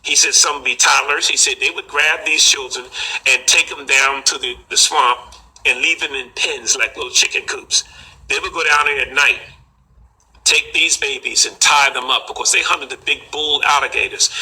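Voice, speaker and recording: An older man telling a personal story in an unhurried, halting way, with frequent pauses and fillers. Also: medium pitch, sharp tone, slightly rough, low-quality recording. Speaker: collector recounting a story.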